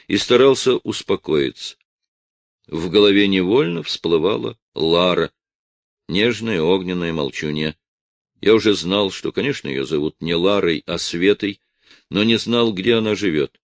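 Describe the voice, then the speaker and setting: Deep, gravelly male audiobook narrator. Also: no echo. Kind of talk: first-person audiobook narration.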